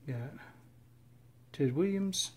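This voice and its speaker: A man casually narrating as he opens packs of trading cards, reading off names in a steady, relaxed list. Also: on the high side, very slow, slight background noise. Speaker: card collector opening packs. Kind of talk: casual running commentary. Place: indoors at a table.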